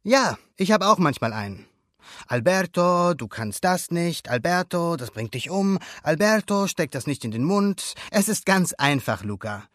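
A man's voice: on the high side, very animated, measured pace, fairly bright tone, dry recording, clean studio sound, voice pushed up. Alberto, a man voicing a brash bossy boy. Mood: bossy, eager. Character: cocky bold adventurous boy. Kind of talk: storybook reading.

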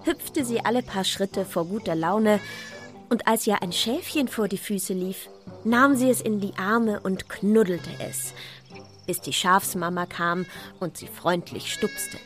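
A woman narrating a children's story in a calm, expressive storytelling manner. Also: mid-range voice, measured pace, soft background music.

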